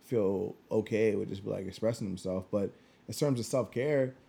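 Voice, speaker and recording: A young man talks as a podcast co-host in a relaxed, dark-toned voice. His delivery is laid-back and slangy, peppered with swearing. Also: on the low side, moderate pace, gravelly. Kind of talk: casual chat.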